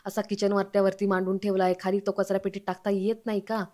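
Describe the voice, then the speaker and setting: A man's voice: sits high, monotone, fast, a little mellow, lightly acted. A woman voicing a strict, grumpy old grandfather who scolds and mocks everyone in a recap of a TV serial. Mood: scolding. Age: older. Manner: scolding, sarcastic.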